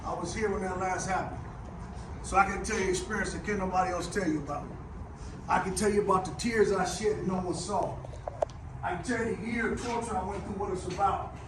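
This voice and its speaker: A man's voice: high voice, fairly even intonation, fairly quick. A man, a coach, delivering an impassioned pregame pep speech to a football team, emphatic and repetitive like a preacher, recorded in an echoey room. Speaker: former high school football coach giving a guest pep talk. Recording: roomy, noisy, distant microphone.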